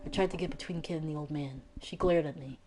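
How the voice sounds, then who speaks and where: A woman's voice: deep voice, quick pace, noisy background. A woman playing a text game, reading its narration aloud and chatting casually about her next moves. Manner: casual, reads text then chats. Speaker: let's play narrator. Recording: game music playing underneath.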